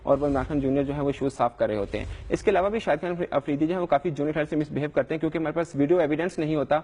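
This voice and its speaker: A man's voice: a little high, a little mellow, in a large hall. A young adult man, a sports reporter, answering questions in a live news interview in an earnest, defensive way with frequent hesitations.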